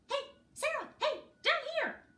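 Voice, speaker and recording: Super high squeaky little storybook ant, pushy, echoey room. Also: female voice, lively intonation, measured pace, bright, forceful tone, heavily acted. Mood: urgent. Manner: urgent, beckoning. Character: tiny squeaky eager ant. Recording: echoey room, mic at a distance.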